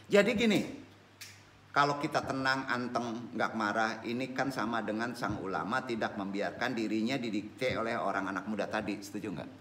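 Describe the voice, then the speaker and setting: Male religious teacher, lively and bright-toned, quizzes his listeners. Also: mid-range voice, slight background noise. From West Sumatra, Indonesia. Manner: animated, questioning the audience. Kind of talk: informal Islamic study talk.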